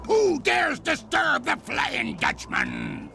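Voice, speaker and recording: An actor playing a blustering, easily offended old ghost pirate captain in a theatrical, gravelly voice for an animated video game. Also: male voice, extremely high pitch, slow pace, full character voice. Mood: indignant, booming. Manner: theatrical, archaic pirate talk. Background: music.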